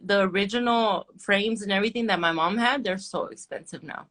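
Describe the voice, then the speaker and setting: A woman, a nail artist chatting candidly as an interview guest, relaxed and full of "like" and "um". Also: medium pitch, brisk. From Orange County, California. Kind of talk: casual interview chat.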